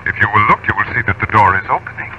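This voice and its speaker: A man voices a composed, mysterious magician who speaks smoothly and with quiet authority, in a very deep voice. The old radio recording carries a clear layer of hiss and noise. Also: expressive, dull audio, natural voice. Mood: commanding. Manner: smooth, unhurried, dreamy to commanding. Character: calm, mysterious male stage magician, commanding. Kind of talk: 1930s radio drama acting.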